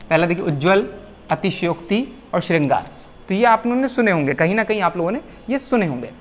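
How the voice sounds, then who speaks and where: A man teaching correct Hindi spelling, repeating words slowly and asking the viewers rhetorical questions. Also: high-pitched, a little hiss or hum. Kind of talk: explaining spelling at a whiteboard.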